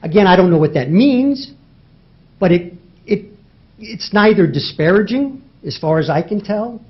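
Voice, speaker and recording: A lawyer arguing in federal court addresses a judge during oral argument, his voice high for a man, animated, and a little slow. He presses his case with rhetorical questions and repeats key words for emphasis, captured on a dull, lo-fi recording.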